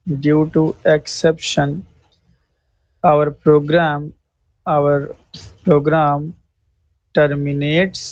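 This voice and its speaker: A man teaching code at a very unhurried pace, spelling concepts out word by word and often checking that his listeners follow. His voice sits a little high for a man. The recording is dry and a bit dull, with no room sound. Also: a little mellow, dry recording. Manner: slow, repetitive, checks in with "thik hai" often; clears throat now and then. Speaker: programming teacher. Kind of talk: screen-recorded coding lesson. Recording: dry, slightly dull mic.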